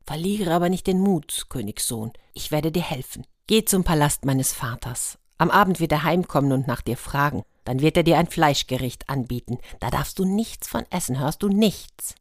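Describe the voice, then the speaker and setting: Woman as kind giant's daughter, storybook, earnest, reassuring, low voice, dry sound. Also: animated, normal speed, hardly any pauses, dry recording.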